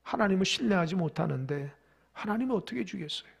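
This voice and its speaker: Very high-voiced gravelly male pastor. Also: expressive, fast. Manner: swings between soft near-whispers and loud emphatic appeals; leads congregation in call-and-response reading. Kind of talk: sermon.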